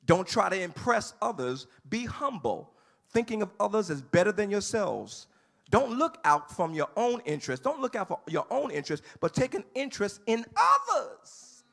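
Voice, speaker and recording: A man preaching a sermon as pastor in a church sanctuary, moving from calm teaching to shouted, sing-song delivery. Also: high-pitched, normal speed, vocal fry.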